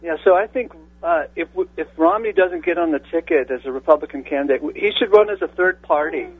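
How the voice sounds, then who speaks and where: A man's voice: on the high side, a little fast, no room sound. A man calling into a radio talk show, hesitant and stumbling over his words. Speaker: caller. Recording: husky tinny phone line.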